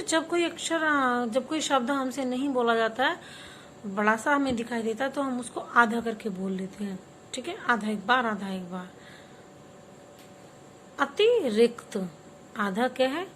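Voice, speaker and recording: A woman's voice: a little high, a bit bright, a little hiss or hum, rough recording. A woman teaching a Hindi class to young children, patiently explaining word meanings and having them repeat words after her. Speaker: primary school teacher.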